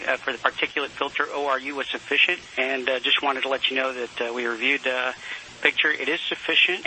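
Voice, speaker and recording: Crackly space-radio man, sharp mission control voice. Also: medium pitch. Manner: formal, procedural readbacks with radio call phrases. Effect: crackly space radio link. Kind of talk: procedural space-to-ground radio communication. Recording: hissy, noisy space-to-ground radio.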